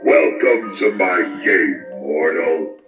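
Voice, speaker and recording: A man playing a menacing undead skeleton card dealer as a talking Halloween yard decoration, theatrical, taunting and deliberate. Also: animated, recorded from a distance, heavily acted. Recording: dull boomy echoing toy speaker, music.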